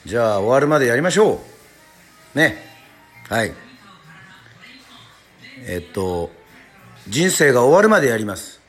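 A middle-aged man from Yoron Island, Japan, hosts a casual live radio stream, chatting, joking at his own expense and answering listener comments. His medium-pitched, slightly bright voice swings widely in pitch, and he speaks unhurriedly with frequent pauses. Faint music plays behind him.

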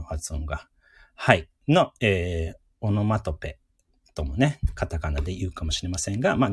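Husky-voiced man drilling words. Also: on the low side, no room sound, studio quality. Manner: chatty and encouraging, repeats words slowly to drill them. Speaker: radio host teaching English words. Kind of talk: casual live radio lesson.

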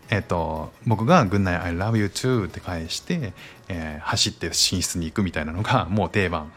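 A man in his thirties from Japan, hosting a solo podcast and telling stories in a relaxed, rambling way with many fillers. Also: low-pitched, vocal fry. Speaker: podcast host and father. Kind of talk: casual solo podcast chat.

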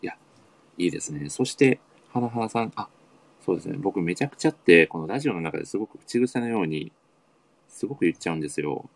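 A man's voice: low voice, lively intonation, quick pace, creaky. A man hosting a casual online radio chat, eager and full of admiring interjections. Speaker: podcast host.

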